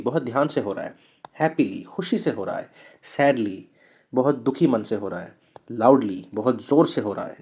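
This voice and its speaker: A man teaching a grammar lesson, reading example sentences slowly and then explaining them in quick Hindi. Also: medium pitch, darkish tone, slightly rough.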